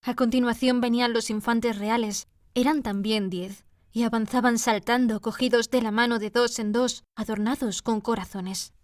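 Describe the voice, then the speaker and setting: A woman narrating a classic storybook with a steady, measured reading. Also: on the high side, dry recording, studio quality. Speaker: audiobook reader.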